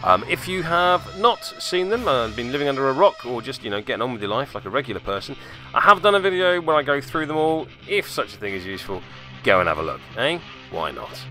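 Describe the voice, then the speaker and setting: With soft background music, the British host of a tabletop battle report channel delivers a quick, sing-song recap. His mid-range voice comes across pushed and bright, and the casual, unscripted commentary is rambling, wry and self-deprecating.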